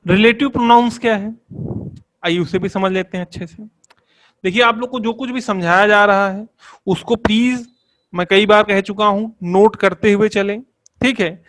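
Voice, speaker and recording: ऊँची आवाज़ वाला पुरुष शिक्षक. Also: male voice, sits high, steady tone, normal speed, fairly bright tone. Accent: Hindi-accented English words. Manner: explains patiently, repeats terms and asks the class questions. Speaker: English grammar teacher. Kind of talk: online classroom lesson.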